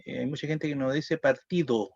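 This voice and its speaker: A man's voice: mid-range voice, steady tone, moderate pace, creaky, a little mellow, husky, dry recording. Chilean man teaching, dull lo-fi sound. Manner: explanatory, frequent "eh" and "¿ya?" checks. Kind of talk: lecturing a class.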